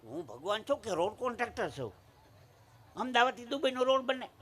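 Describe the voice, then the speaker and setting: A man's voice: extremely high pitch, very animated, a little fast, a bit bright. A man from Saurashtra with a Kathiawadi accent, telling folk jokes and stories live on a village stage, punching his lines and acting out the quoted voices. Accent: Kathiawadi Gujarati. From Saurashtra, Gujarat. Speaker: folk storyteller and humorist. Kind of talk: live folk comedy storytelling.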